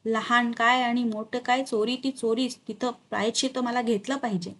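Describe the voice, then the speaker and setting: A woman's voice: fairly high pitch, fairly even intonation, moderate pace, fairly bright tone. A woman voicing an aged, devout male steward who reproaches himself with anguished, pleading speech.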